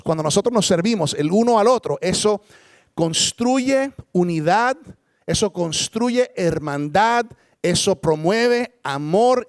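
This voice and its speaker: A man's voice: no echo, studio quality. Emphatic preaching pastor, man. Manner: emphatic, dramatic swings in pitch and loudness, rhetorical questions. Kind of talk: sermon.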